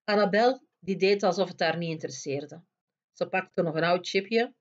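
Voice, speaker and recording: Een vrouw die een kinderboek hardop en expressief voorleest. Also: female voice, fairly low pitch, normal speed, highs cut off. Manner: expressive, lively storytelling. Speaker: storyteller reading aloud. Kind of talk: reading a children's book aloud.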